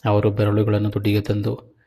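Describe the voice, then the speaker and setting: A man narrating a horror story in a measured, suspenseful way. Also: fairly low pitch, completely flat delivery, mellow, slightly rough.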